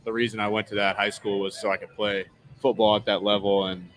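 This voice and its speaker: Interviewed at a live casino event, this American football player in his twenties, from Southern California, replies in a relaxed, modest, easygoing way. His lowish, fairly bright voice has a flat delivery and a slightly fast pace, and the low-quality recording carries a little hiss or hum.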